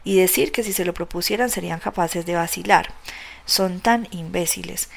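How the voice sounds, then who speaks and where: Woman voicing a keen young man, persuasive and brisk, low-pitched, gravelly, audiobook reading.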